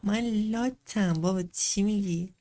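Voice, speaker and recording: A man's voice: sits high, dark tone, close to an everyday voice. A young man from Iran putting on a young woman's voice to prank strangers in a video chat, teasing and cheeky.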